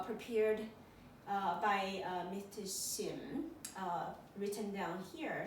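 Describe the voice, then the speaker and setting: A woman teaching a slow, patient lesson, saying words over and over for her listener. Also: medium pitch, slight background noise. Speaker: lecture teacher. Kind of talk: slow spoken language lesson. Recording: echoey room, voice from far off.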